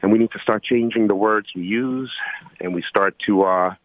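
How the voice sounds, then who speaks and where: A man from Guyana, an electrical engineer, calling in to a talk show and making his point earnestly, with many pauses and fillers. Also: lowish voice, dry recording, phone-quality sound. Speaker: caller. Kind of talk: call-in radio talk.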